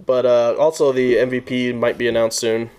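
A man's voice: medium pitch, flat delivery, moderate pace, a little mellow, clean tone. A young man from the Denver area co-hosting a casual sports podcast, swearing freely and getting worked up. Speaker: podcast co-host.

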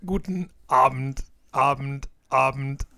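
A man's voice: medium pitch, takes it slowly, gravelly, pushed and bright. A man co-hosting a casual podcast, playfully stuttering his greeting over and over like a skipping record. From Germany. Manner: playful, jokey. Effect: stuttering repeats like a skipping record. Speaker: podcast co-host. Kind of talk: casual chat.

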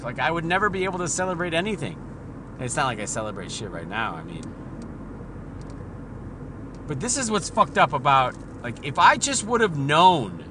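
A man's voice: fairly high pitch, background noise. A married man hosting a solo podcast, talking in a casual, profane, rambling and self-deprecating way. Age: adult, married father. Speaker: podcast host.

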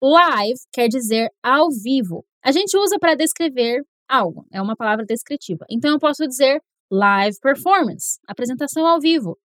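A woman with a Brazilian Portuguese accent hosting a podcast pronunciation lesson, upbeat and encouraging, slowing down to model English words. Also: high-pitched, expressive, dry recording.

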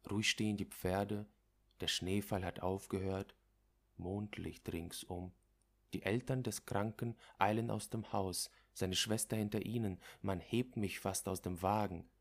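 A man reading a literary story aloud as narrator, in a measured, dramatic way. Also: low-pitched, steady tone, vocal fry.

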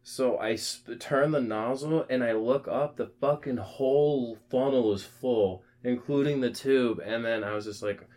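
A man's voice: medium pitch, measured pace, few pauses, a little mellow. A young man telling a rowdy party story on a podcast, profane and rambling, with lots of "like" and "man.". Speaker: podcast co-host. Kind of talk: casual storytelling chat.

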